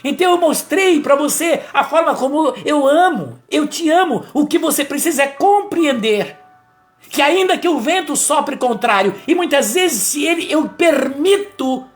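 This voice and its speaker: A man voicing God as a gentle, patient male voice speaking softly into his ear. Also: animated, unhurried, soft background music. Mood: tender. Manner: soft and low, intimate.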